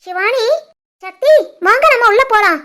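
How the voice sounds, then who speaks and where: A woman voicing a quick-tempered older mother-in-law who scolds and shoos the family away in an animated family story. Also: very high voice. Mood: scolding. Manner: sharp scolding, shooing people off.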